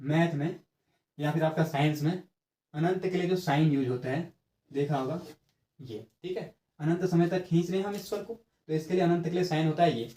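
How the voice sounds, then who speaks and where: The echoey room carries a teacher's slightly high, warm voice as he works through an exam-prep grammar lesson step by step. He checks in with students and stretches out sounds to illustrate them.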